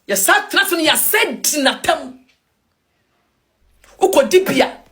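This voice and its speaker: High, lively Ghanaian woman ranting. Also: a little slow. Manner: emphatic, mixes English with Twi. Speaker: online commentator. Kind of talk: passionate opinion rant.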